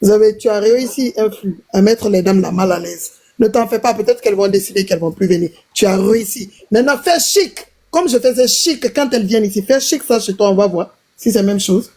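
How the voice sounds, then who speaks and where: A woman's voice: mid-range voice, brisk, hardly any pauses, a little mellow. A woman on a live stream panel chatting casually and teasing, often laughing.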